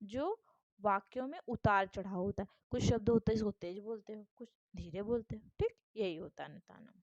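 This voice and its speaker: A woman teacher works through exam-prep questions, reading each one aloud and breaking it down patiently. Her voice sits at a middle pitch. The recording is dull and lo-fi, with a dry, close sound. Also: normal speed, darkish tone, no echo. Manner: explains step by step, reads Sanskrit questions aloud, keeps checking "ठीक?".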